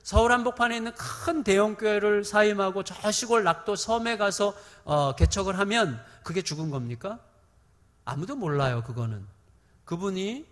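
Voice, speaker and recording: Male pastor, middle-aged, sermon, emphatic repetition, fairly high voice, long reverberant church hall. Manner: emphatic preaching with repeated phrases and sudden swings in loudness.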